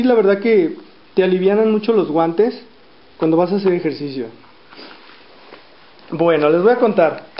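A man in his thirties with a fairly high voice talks through a casual home vlog, unhurried and full of pauses and fillers. The dull, lo-fi camera sound carries the echo of a small bare room. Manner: relaxed storytelling with many pauses and fillers. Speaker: fitness vlogger. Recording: roomy, dull lo-fi camera audio.

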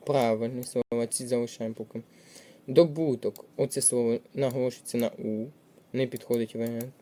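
A man's voice: mid-range voice, dark tone. A man teaching a lesson, working through test questions step by step in a plain, methodical way with frequent hesitations.

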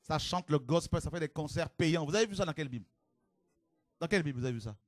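Man, fiery preacher, sermon, shouted exclamations, rhetorical questions, rather high voice, dry sound. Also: animated, fast, dry recording.

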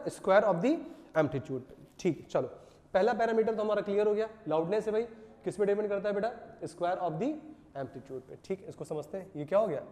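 In a hall with long reverb, a man gives a physics lecture to his class in a high, mellow voice. He raises rhetorical questions, repeats the answers, and addresses students as "beta."

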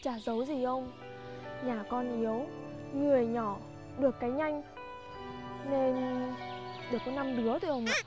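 A woman's voice: high-pitched, fairly even intonation, normal speed, pauses often, music in the background, natural voice. A woman playing a meek young village wife with a shy, polite, giggly way of talking. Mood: coy. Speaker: village wife of the town crier. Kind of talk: sitcom acting.

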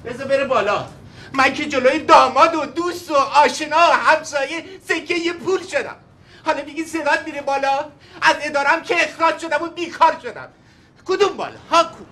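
A man's voice: extremely high pitch, sing-song, bright, forceful tone, exaggerated voice. An actor playing a sulky, defensive middle-aged husband who grumbles and raises his voice in a sitcom. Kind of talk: sitcom acting.

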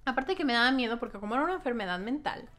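A woman's voice: fairly high pitch, animated, racing, a bit bright. A young adult woman with a Mexican accent, telling a storytime to her vlog audience in a casual, gossipy way, full of slang and the odd swear. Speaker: vlogger.

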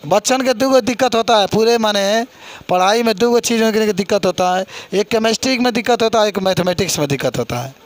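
With a brisk, animated, high-pitched delivery, a middle-aged man teaches chemistry in an eastern Uttar Pradesh Hindi accent. He tests the class with questions and encouragingly repeats the answers they give.

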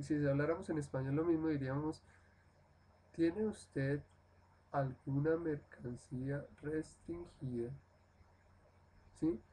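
A man teaching English in a live-streamed lesson, explaining slowly and patiently and repeating phrases with a frequent "¿sí?". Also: fairly high pitch, warm tone, slightly rough.

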